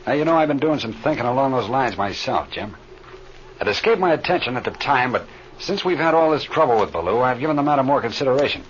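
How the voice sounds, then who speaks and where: On a muffled, hissy old radio drama recording, a man plays a seasoned, plain-spoken flight leader, a steady, folksy mentor. He sounds troubled and serious, speaking fast and animatedly in a mid-range voice close to an everyday one.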